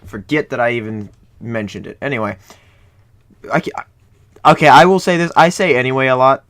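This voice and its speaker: This is a young Ohio man who makes gaming videos on YouTube, chatting casually about a strategy game from his home room. His medium-pitched voice is fairly bright and moves at a moderate pace, and his commentary wanders, self-corrects, and stays playful.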